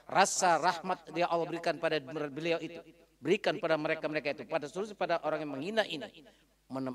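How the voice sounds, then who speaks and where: A man with a fairly high voice preaches a storytelling sermon in a mosque hall. He is animated and dramatic, and his pitch and volume swing freely as the story builds.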